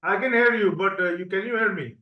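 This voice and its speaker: Man moderator on a bad video-call connection, dull and lo-fi audio, halting. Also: sits high. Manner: halting, many fillers. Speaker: webinar moderator. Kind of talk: hosting an online medical Q&A. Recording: roomy, distant, dull online call audio.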